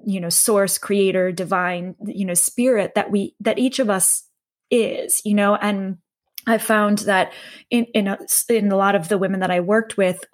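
A woman's voice: medium pitch, fairly even intonation, a little slow. A woman guest in a conversational interview, speaking reflectively with frequent fillers and restarts. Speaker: podcast guest, health coach.

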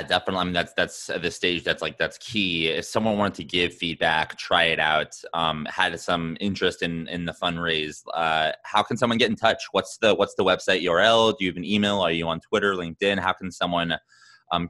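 Deep, bright-toned male podcast host. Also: fairly even intonation, a little fast, no echo. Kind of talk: casual interview.

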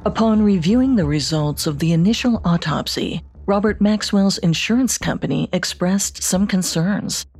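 A woman co-hosting a podcast, reading scripted true-crime narration with measured storytelling delivery. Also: fairly low pitch, darkish tone. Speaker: podcast co-host.

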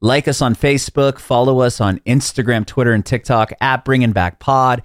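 A man's voice: medium pitch, normal speed, no room sound, studio quality. A man hosting a podcast interview over a video call, with an easygoing manner and frequent laughter. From San Diego, USA. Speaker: podcast host. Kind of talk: casual interview chat. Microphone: video call mic.

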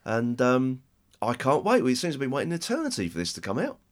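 A British man with a croaky voice from a chest cold, hosting a podcast in a halting, rambling, chatty way. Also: medium pitch, wildly swooping pitch. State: chest infection, hoarse with a cold. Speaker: podcast host. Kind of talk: casual podcast chat.

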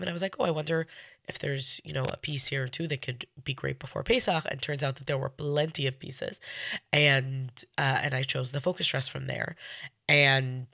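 A woman records a solo podcast with a stuffy, nasal voice from a cold. Her delivery is casual and hesitant, often doubling back on itself. There is gravelly fry in her voice, and the sound is dry. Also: a bass voice, a bit bright, no echo. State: getting over a cold. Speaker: podcast host.

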